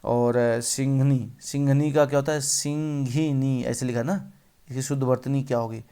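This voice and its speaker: Gravelly man drilling spelling answers. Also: medium pitch, fairly even intonation, normal speed, dark tone. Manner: repeats words and quizzes the viewer. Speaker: teacher. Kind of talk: exam-prep lesson on spelling.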